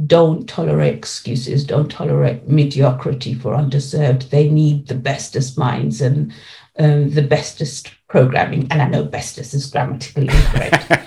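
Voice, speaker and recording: A woman appears as an interview guest, an education policy lead, answering earnestly and emphatically and repeating key phrases to drive her point home. Her voice is deep, gravelly and warm, with fairly even intonation at a moderate pace.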